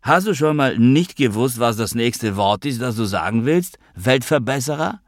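A man's voice: fairly low pitch, unhurried, no echo, clean studio sound, pitched above the performer's own voice, close to an everyday voice. A man reading an audiobook, voicing a desperate, unraveling male film star who pleads and rambles in a raised, strained voice. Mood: despairing plea. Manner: pleading, rambling, falling apart.

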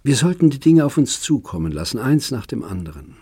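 A man reading the part of a gentle, hesitant woman, speaking softly and partly in a whisper. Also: mid-range voice, very animated, brisk, breathy edge, dry recording, pitched above the performer's own voice, full character voice. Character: woman, gentle and hesitant, the older man's lover.

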